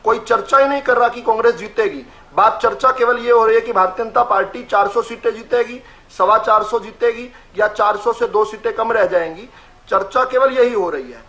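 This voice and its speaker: A man's voice: extremely high pitch, moderate pace, fairly bright tone. A man arguing as a party spokesperson in a heated TV debate, combative and talking over his opponents. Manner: combative, raises voice and talks over others.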